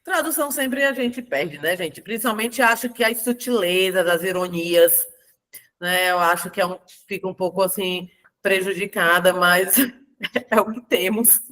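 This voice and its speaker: A woman with a mid-pitched voice leads a casual book discussion. She reflects aloud, laughs lightly between points, and keeps the talk moving among the group. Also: a little slow, fairly bright tone. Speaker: book club host.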